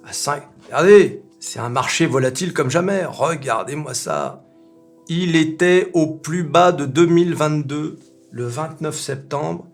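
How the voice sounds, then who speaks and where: A man hosting a casual market commentary video, chatty and animated, full of fillers and rhetorical questions. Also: fairly high pitch, vocal fry. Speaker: finance video host.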